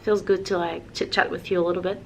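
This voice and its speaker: A woman's voice: lowish voice, level tone, a little fast, a little hiss or hum. A woman from Switzerland chatting casually to her vlog viewers, rambling with many hesitations. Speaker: vlogger.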